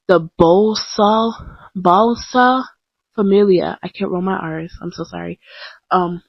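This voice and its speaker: With a medium-pitched, slightly rough voice, a young woman speaks chattily in a podcast style, self-deprecating and often saying um or starting over. The close-mic home recording is dull and lo-fi with no echo, and the screen is blank.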